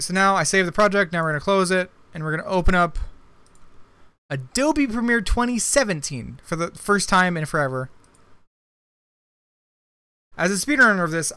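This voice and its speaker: Young dude streamer, kinda high bright voice, just chatting w chat while editing. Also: male voice, clean tone, no room sound. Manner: chatty, answers chat comments as he works.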